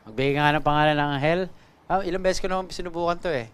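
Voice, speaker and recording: Resonant Filipino priest teaching. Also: male voice, a little high, quick pace, smooth. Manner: switches between Tagalog and English, frequent "no?" and "okay?" tags; addresses the audience politely with "po". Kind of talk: teaching talk on spiritual warfare.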